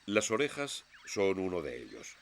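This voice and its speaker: A man narrates a scripted nature documentary in a measured, expository storytelling manner. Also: deep voice, huge pitch swings, a little hiss or hum.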